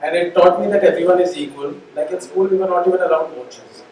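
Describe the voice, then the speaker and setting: A man's voice: sits high, fairly even intonation, quick pace, a little mellow. A man in his thirties with an Indian accent, answering interview questions as an author in a very polite, deferential manner. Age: 30s. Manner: deferential, says "sir" constantly. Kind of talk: live conversation on stage. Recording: echoey room, distant mic, faint noise.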